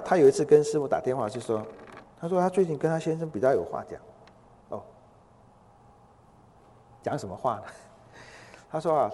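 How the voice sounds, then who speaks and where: A male preacher telling a story during a sermon, animated, acting out the people he quotes, in a large hall. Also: medium pitch. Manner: animated, acts out the quoted speakers. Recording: long hall reverb.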